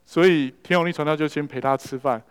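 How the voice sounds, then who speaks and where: A man's voice: a little high, fast, clear, resonant tone. A man preaching a sermon in a church hall and telling stories, slipping English words into his speech. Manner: storytelling preacher who mixes in English words. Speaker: pastor. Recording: long reverb of a large hall.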